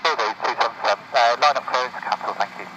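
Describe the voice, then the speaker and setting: Male pilot on radio, super quick readbacks, heavy static. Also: mid-range voice. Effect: radio transmission. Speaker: airline pilot. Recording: very noisy cockpit radio transmission.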